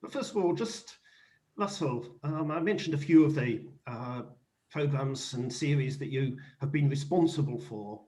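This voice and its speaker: A middle-aged or older man hosting an event with a formal, courteous and deliberate introduction. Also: medium pitch, a little mellow. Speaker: host, moderator.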